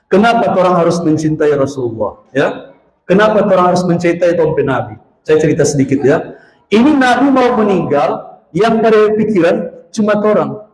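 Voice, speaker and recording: High-voiced preacher in echoey mosque. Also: male voice. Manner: storytelling, addresses listeners directly, draws out chanted phrases slowly. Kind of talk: mosque sermon with chanted dhikr.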